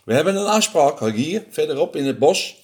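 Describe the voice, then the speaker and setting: A man's voice: a little high, very animated, moderate pace, a little mellow, slightly rough, pitched above the performer's own voice. A man voicing a small, clever, boastful mouse in a storybook reading, talking in a cheeky, bragging way.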